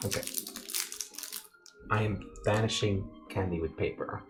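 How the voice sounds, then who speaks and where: A woman's voice: very deep voice, fairly even intonation, a little slow. A woman casually running a tabletop roleplaying game as game master.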